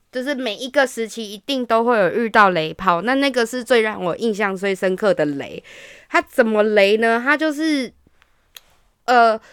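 A woman's voice: on the high side, smooth, dry recording. Brief: candid female podcast co-host, dry studio mic sound. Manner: frank, animated storyteller. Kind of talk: casual podcast chat.

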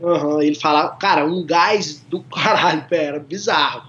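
A man's voice: a little high, moderate pace, fairly bright tone. A man from a small town in Minas Gerais, a guest telling funny stories casually and laughing often. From small town in Minas Gerais, Brazil. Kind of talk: casual storytelling. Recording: dull lo-fi sound.

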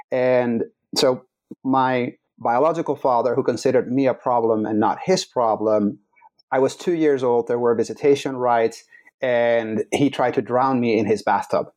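A man's voice: mid-range voice, darkish tone. Earnest man in his forties. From Netherlands. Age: 40s. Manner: earnest, measured, halting with fillers and restarts. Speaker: podcast guest. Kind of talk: reflective personal storytelling.

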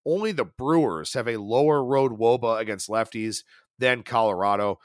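A man hosting a sports betting podcast, running through baseball stats and picks at a quick clip in a solo analysis style. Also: mid-range voice, no echo, clean studio sound. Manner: rapid stat-heavy delivery, animated.

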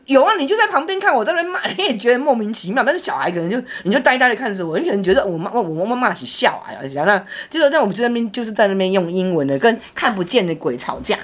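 A middle-aged woman, telling a personal story in casual chat. She talks in an animated way, with many restarts and repeated words. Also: on the high side, very fast, hardly any pauses. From Taiwan. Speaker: podcast co-host, mother.

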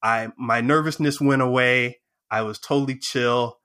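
A man telling a story in a casual interview, animated and excited, acting out the voices of people in it. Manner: animated, acts out quoted dialogue with jumps in pitch; excited, fast bursts of speech. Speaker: guest.

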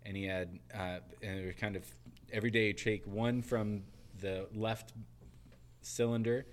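Low-voiced relaxed podcast host. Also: male voice, moderate pace, slight background noise. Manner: relaxed, chatty storyteller. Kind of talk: casual faith podcast chat.

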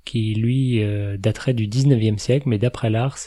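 A man's voice: on the low side, steady tone, normal speed, warm tone. Chatty man hosting a podcast. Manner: chatty, laughs at his own remarks. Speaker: podcast host. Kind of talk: casual explanatory chat.

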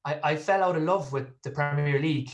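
A man's voice: fairly high pitch, a little fast, soft background music. A man around thirty with a west of Ireland accent, telling personal stories as a guest in a casual interview. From Galway, west of Ireland. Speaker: podcast guest, football fan.

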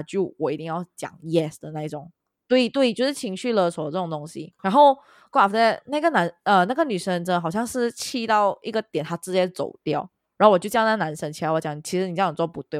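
A woman's voice: on the low side, dry recording, studio quality. A woman co-hosting a casual chat, telling a long story and dropping English words into her speech. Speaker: podcast co-host.

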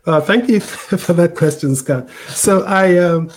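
A man's voice: sits high, measured pace, breathy edge. A middle-aged man from Cameroon with a mixed international accent, explaining things in a conversational interview with frequent repeated words and "right?" tags. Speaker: interview guest, tech executive.

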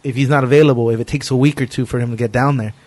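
Man, podcast host, informal and slangy, earnest, mid-pitched, dry recording. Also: steady tone, rapid-fire, a little mellow, no echo. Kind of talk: casual conversation.

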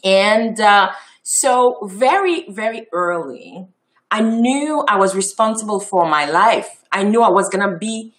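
A woman's voice: mid-range voice, expressive, measured pace, fairly bright tone. A woman from Haiti with a French and Creole accent, giving a chatty presentation full of ums and restarts. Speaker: festival founder giving a talk. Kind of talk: casual presentation talk.

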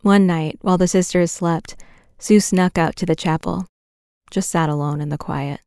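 A woman narrating a documentary podcast in a scripted, measured way. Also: on the low side, steady tone, darkish tone, clear, resonant tone, no echo, studio quality.

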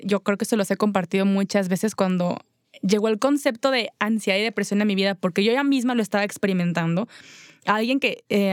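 A woman's voice: mid-range voice, no echo, clean studio sound. A woman with a Mexican accent speaking reflectively in a casual faith chat, sharing personal experience. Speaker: podcast co-host.

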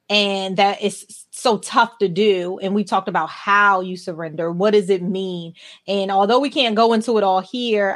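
A woman in her forties hosts a podcast conversation. She speaks earnestly and with emphasis, in an ordinary mid-range voice. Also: mid-range voice. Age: 40s. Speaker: podcast host. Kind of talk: conversational interview.

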